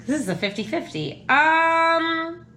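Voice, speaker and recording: A woman co-hosting a casual question game, chatty and thinking aloud with frequent pauses. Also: extremely high pitch, animated, bright, forceful tone. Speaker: channel co-host answering questions. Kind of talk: casual chat. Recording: echoey room with faint noise.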